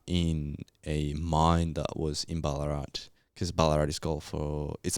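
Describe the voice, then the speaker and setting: A young Colombian geologist, a native Spanish speaker, guests on a podcast and casually recounts his story in easygoing, slangy Australian-style language. His voice is extremely low with a clean tone, in a dry, clean studio recording.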